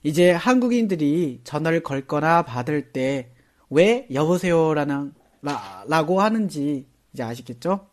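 A man giving a chatty, casual lesson, often starting phrases with a soft "ne". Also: fairly high pitch, expressive, unhurried. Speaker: Korean language teacher.

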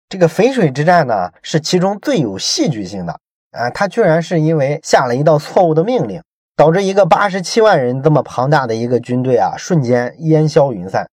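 A man's voice: on the high side, darkish tone, no echo. A man explaining a book in a chatty storytelling way, with many rhetorical questions to the listener. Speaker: book commentator.

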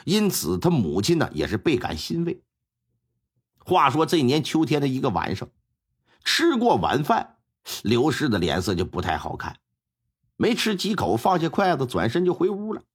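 A man's voice: mid-range voice, moderate pace, slightly rough. A man telling a traditional Chinese historical tale as a storyteller, with chatty asides to the listener. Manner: lively, conversational asides.

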